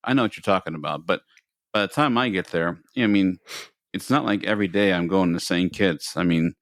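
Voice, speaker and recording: A man's voice: sits low, brisk, fairly bright tone, dry recording, clean studio sound. A man co-hosting a podcast, chatting casually in a rambling way and repeating words as he thinks. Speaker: podcast co-host. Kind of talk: casual chat.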